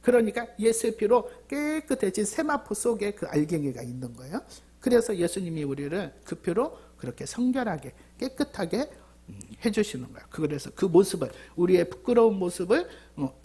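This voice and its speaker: Woman preaching with lively rhetorical questions. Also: mid-range voice, normal speed, breathy edge. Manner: asks the congregation rhetorical questions, repeats key words. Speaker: pastor. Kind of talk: sermon. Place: church.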